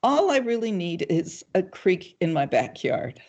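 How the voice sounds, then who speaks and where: An older woman answering interview questions in a measured, thoughtful way, pausing often with ums. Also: lowish voice, very animated, darkish tone. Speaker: guest, local party committee chair. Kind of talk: casual livestream interview.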